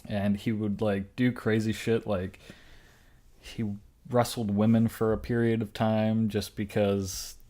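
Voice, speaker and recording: A young man co-hosts a podcast, chatting casually and rambling with plenty of fillers and restarts. His voice is lowish and mellow, with a flat delivery and a slightly slow pace.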